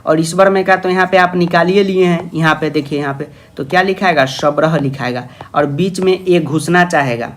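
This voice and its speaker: A man's voice: fairly high pitch, normal speed, hardly any pauses. A young man teaching grammar in an online lecture, affectionately calling students "babu" and asking their questions himself.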